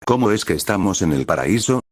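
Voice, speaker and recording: A man's voice: sits low, very animated, fairly quick, breathy edge, no echo, studio quality, full character voice. A man reading a tense young ninja girl. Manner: tight, strained voice.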